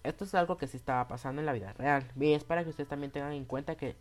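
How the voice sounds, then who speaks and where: A man's voice: a little high, very fast. A flamboyant young man with a Guatemalan Spanish accent tells a casual story straight to his viewers. He swears freely and keeps tagging his sentences with "va.". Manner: flamboyant, self-described effeminate. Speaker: vlogger telling a personal story.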